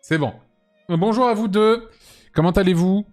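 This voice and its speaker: A man's voice: high voice, normal speed, darkish tone, soft background music. A man hosting a live stream, chatting casually with lots of fillers and teasing his guests. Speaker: streamer host.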